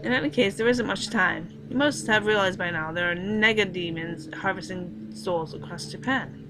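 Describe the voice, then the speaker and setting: A woman's voice: mid-range voice, moderate pace, over music, natural voice, rough recording. A woman voicing a cute little creature who speaks as a grave, portentous ancient demon lord, read from a visual novel. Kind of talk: reading a visual novel aloud.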